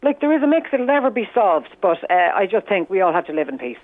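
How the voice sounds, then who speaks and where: A woman with an Irish accent calling in to a radio show, talking in an animated, opinionated way with lots of fillers. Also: medium pitch, quick pace, no echo. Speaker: caller, restaurant owner. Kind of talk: casual chat on a phone line. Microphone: phone. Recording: tinny phone line.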